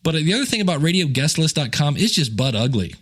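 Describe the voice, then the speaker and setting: Here a male podcaster and podcasting teacher rambles through a relaxed solo show of plugs and announcements, tossing in jokey digs at himself. His fairly high voice is husky and a bit bright, with a quick, sing-song rhythm.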